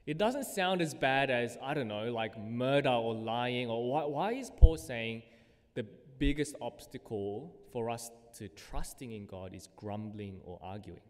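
Male pastor, sermon, casual chatty preaching, mid-pitched voice, long church reverb. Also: a little slow, darkish tone. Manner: conversational preaching with fillers, reads scripture aloud with rising emphasis. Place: church hall.

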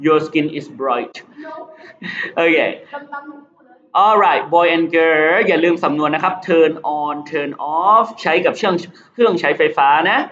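A male teacher going over exam questions, reading English sentences slowly and explaining them. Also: a little high, fairly bright tone, slight background noise. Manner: reads English items slowly, explains in quick Thai. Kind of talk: exam prep lesson. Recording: dull lo-fi recording.

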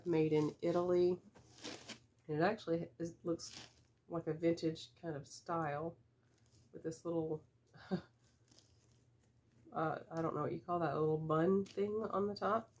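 Unboxing items in a small indoor room full of shelved boxes, a fiftysomething woman with a stuffy head cold chats at a relaxed pace, laughing softly and using fillers. She has a lowish, slightly mellow voice. A reseller vlogger, she's picked up by a camera at desk distance.

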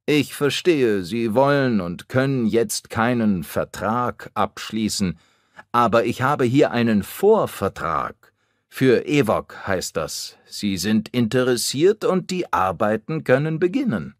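A man reading the part of a pushy, hurried businessman in a storybook, speaking smoothly and persuasively. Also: mid-range voice, sing-song, no echo, studio quality, pitched above the performer's own voice. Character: pushy middle-aged male businessman in a hurry.

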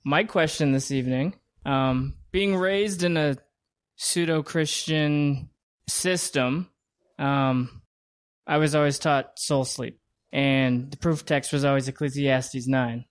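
A man from Massachusetts in a live audience asking a question. He speaks haltingly, with pauses and ums. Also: mid-range voice, fairly even intonation, clean tone. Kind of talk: question from the floor at a live event.

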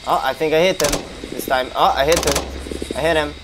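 A man's voice: a little high, steady tone, brisk, very noisy. A young man giving casual gameplay commentary, reacting and swearing as he talks to himself. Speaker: gamer streamer. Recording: game gunfire behind voice. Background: gunshots and game ambience.

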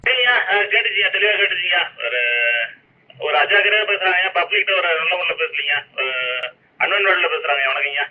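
A man, a police officer, quickly acknowledging orders from a superior over a walkie-talkie, from a distance. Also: high voice, dull audio. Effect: heard over a police walkie-talkie. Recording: thin hissy police radio from a distance.

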